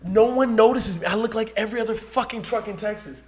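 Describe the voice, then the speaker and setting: A young man with a high, light voice and an excitable, slangy way of talking. He laughs often through a casual group conversation. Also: fast. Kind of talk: casual chat.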